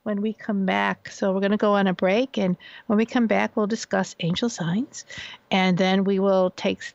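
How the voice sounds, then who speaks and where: A woman's voice: mid-range voice, steady tone, normal speed, creaky, a little mellow, no echo, highs cut off. A woman hosting a radio talk show, affirming her guest often and announcing the break.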